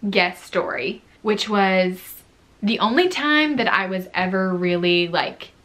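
A young woman telling a story straight to camera in a relaxed vlog. She talks chattily and leans on "like" constantly. She laughs often as she goes. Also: mid-range voice, slow. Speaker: vlogger, former theme park food worker.

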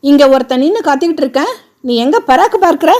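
A woman voicing an angry, domineering young man who scolds fast and brusquely, in a high voice. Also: animated, a little mellow. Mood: scolding.

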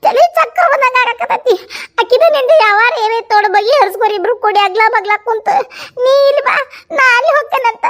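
A woman's voice: very high-pitched, fairly quick, a bit bright. A woman with a North Karnataka accent performing a village comedy skit, pleading dramatically between laughs and sobs. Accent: North Karnataka Kannada.

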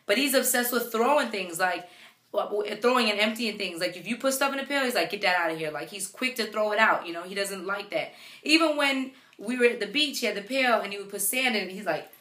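A young woman, a mother, chatting casually to camera with lots of "like" and "um" in an animated retelling. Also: mid-range voice, fairly quick. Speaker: vlogger, mother. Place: home room with her baby beside her. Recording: echoey room.

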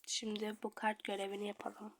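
A young woman chatting casually through her gameplay as a video creator, dramatic, drifting between murmurs and loud outbursts. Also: medium pitch, monotone, fairly quick, a little hiss or hum.

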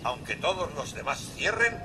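A man's voice: on the high side, very animated, moderate pace, over music. An actor voicing a polite robot butler shopkeeper in a video game, with a very old man's voice and a robotic effect. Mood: obliging. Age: older. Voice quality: elderly-sounding. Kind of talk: scripted game dialogue, shop announcement.

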